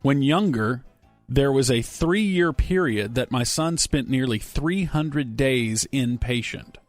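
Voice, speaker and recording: A man's voice: medium pitch, animated, slow, no room sound, soft background music. A man hosting a casual radio talk show, rambling and joking as he reads listener emails and banters with his co-hosts. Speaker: radio host. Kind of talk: casual sports radio chat.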